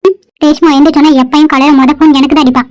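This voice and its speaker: A woman's voice: sits high, steady tone, racing, a little mellow, lightly acted. A woman voicing an irritated middle-aged mother who scolds her son and husband sharply. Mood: scolding.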